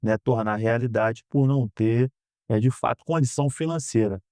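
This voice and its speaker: A Brazilian man in his thirties answering interview questions in an earnest, measured way, often ending phrases with a questioning tag. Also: medium pitch, mellow, dry recording, clean studio sound. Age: 30s. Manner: earnest, measured, frequent "né?" tags. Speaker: guest, politician. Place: podcast studio.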